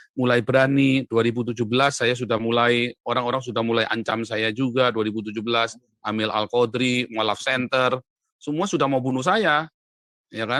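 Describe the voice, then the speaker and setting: A man giving an animated interview testimony as an evangelist, emphatic and often rising sharply in pitch and loudness, addressing the host respectfully. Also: no echo. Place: Europe.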